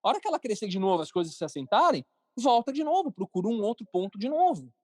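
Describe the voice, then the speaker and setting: A podcast guest who creates cartoons and runs businesses talks casually in an interview, with a Brazilian Portuguese accent. His high voice is sing-song and quick, and he's emphatic, frequently repeating phrases for effect. The sound is clean studio audio with no echo.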